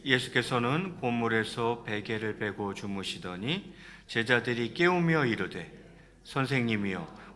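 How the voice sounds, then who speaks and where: A man preaching a sermon as pastor, reading scripture aloud and asking the congregation questions, swinging between loud rises and soft drops. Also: mid-range voice.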